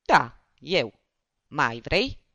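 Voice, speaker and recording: Narrator barking as a menacing brute barber. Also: male voice, a little high, very animated, sharp tone, no echo, heavily acted. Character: brutal barber, gruff, loud and threatening. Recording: dull, dry.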